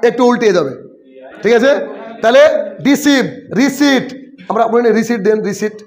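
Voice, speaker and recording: বাংলাদেশি উচ্চারণের একজন পুরুষ ইংরেজি শিক্ষক, যিনি বারবার প্রশ্ন করে আর কথা পুনরাবৃত্তি করে বানানের নিয়ম পড়ান।. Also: male voice, high voice, darkish tone. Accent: Bangladeshi Bengali. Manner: repetitive, quizzing students with quick questions. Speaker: English teacher. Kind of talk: classroom spelling lesson.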